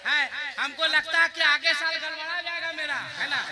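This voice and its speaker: Impassioned high-voiced preacher man. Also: little pitch movement, normal speed. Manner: swings from soft joking storytelling to loud impassioned shouting. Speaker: Islamic preacher. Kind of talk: sermon at a religious gathering. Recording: live gathering with crowd noise.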